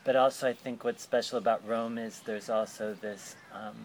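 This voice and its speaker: A man's voice: lowish voice, fairly even intonation, normal speed, slight background noise. A man interviewing someone and explaining a book project at length, thoughtful and a little rambling.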